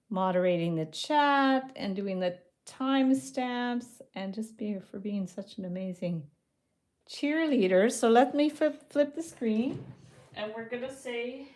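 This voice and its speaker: In a voice on the high side, a woman from Canada chats through a live craft demo, thinking aloud while she works. She murmurs or whispers softly when focusing on her hands.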